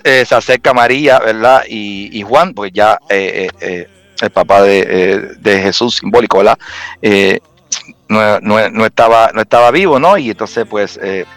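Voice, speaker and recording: A man's voice: lowish voice, a bit bright, no room sound. A Puerto Rican man telling stories in casual chat, full of fillers and restarts. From Puerto Rico. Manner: storytelling with many fillers and restarts. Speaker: guest.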